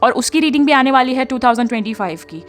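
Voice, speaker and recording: Faint music plays behind a young woman who reads tarot and chats through spiritual guidance, regularly checking in with listeners. She blends English into her speech, uses frequent tag questions, and talks rapid-fire in a high, expressive voice.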